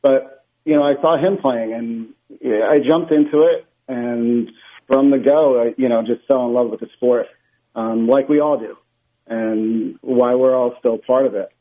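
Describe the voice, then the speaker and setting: A man from Long Island joins the interview over a thin, phone-like line with a narrow, tinny sound. He speaks at a middling pitch, relaxed and a little hesitant, filling pauses with "um" and "you know.". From Long Island, New York. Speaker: guest, sporting director. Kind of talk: casual interview. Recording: phone-like remote call line.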